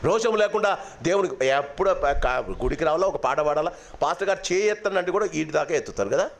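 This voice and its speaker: Male pastor, fiery loud sermon delivery, high animated pitch, drops in English phrases. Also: fast. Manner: loud, impassioned preaching. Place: church hall.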